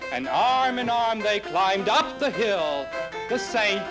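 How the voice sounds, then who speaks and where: A man narrates a story theatrically. His voice is very high and swoops widely, in a slow delivery over prominent music. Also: big pitch swings.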